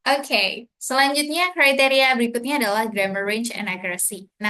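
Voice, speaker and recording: A woman's voice: medium pitch, a bit bright. A woman with an Indonesian accent teaching an online lesson as an English tutor, explaining in a mix of Indonesian and English.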